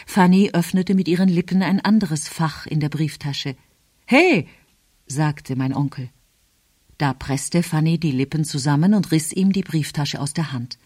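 Calm woman narrating a story. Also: low-pitched, normal speed, hardly any pauses, husky, no room sound, clean studio sound. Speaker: audiobook narrator. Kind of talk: scripted narration.

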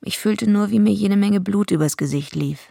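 A gruff, tough female wrestler. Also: mid-range voice, normal speed, mellow, no echo, studio quality. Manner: blunt, gruff and defiant. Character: tough, foul-mouthed heavyweight female wrestler. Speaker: narrator and lead. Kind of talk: radio play acting with narration.

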